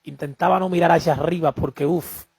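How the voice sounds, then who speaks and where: Man, very husky voice, fairly high pitch, fervent repetitive testimony, dry close sound. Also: fairly even intonation, fairly quick, a little mellow, no room sound. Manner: emphatic, repetitive, addresses listener as beloved. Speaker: preacher sharing a vision. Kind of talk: personal testimony to camera.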